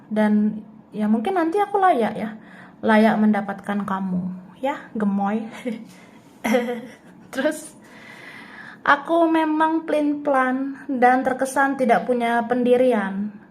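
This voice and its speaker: Her voice sits on the high side and sounds a little mellow as this woman tarot reader does an easygoing reading. Chatty and quick to laugh, she speaks the client's thoughts as if they were her own, in the first person.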